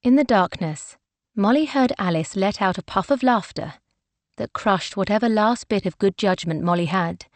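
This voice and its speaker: Woman narrator for a romance audiobook, measured, mid pitch, dry close sound. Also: no echo. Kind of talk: scripted narration.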